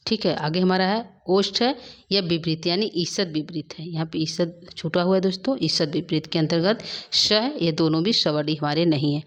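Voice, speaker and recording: A woman with a fairly low voice teaches Sanskrit grammar online. She explains step by step, often posing questions and then answering them herself.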